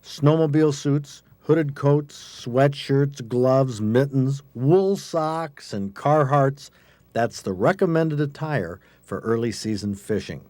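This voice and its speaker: Man, American accent, mellow tone, medium pitch, folksy conversational delivery, scripted feature narration, reporter and host. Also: takes it slowly, no echo.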